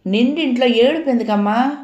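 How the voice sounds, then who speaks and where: A woman's voice: mid-range voice, moderate pace, a little mellow, muffled recording, lightly acted. An anxious middle-aged mother who frets and scolds her daughters, voiced by a woman reading a storybook. She sounds a little raised above the narration. The recording has a roomy echo. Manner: fretful, chiding. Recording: roomy echoey home recording.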